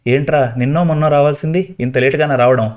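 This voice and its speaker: A man's voice: fairly high pitch, fast, natural voice. A man voicing a grieving middle-aged son in a spoken story, weary and pleading.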